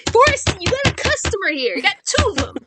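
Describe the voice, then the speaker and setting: Woman putting on a rowdy hard-drinking western lady, high pitched, swaggering and crude. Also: lively intonation, normal speed, heavy background noise. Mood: brash.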